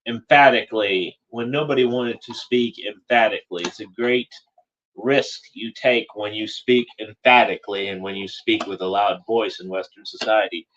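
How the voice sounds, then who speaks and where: A man's voice: fairly low pitch, a bit bright, lo-fi sound, a little hiss or hum. A man talking as a political commentator in a casual monologue, rambling and repeating phrases with frequent "you know".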